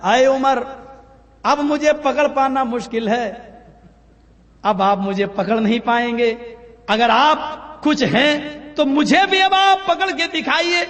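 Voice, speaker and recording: Brief: a preacher playing a sly, defiant male commander, high and taunting, in a reverberant hall. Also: long pauses. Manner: taunting, then shouting. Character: cunning defiant Persian commander, adult man.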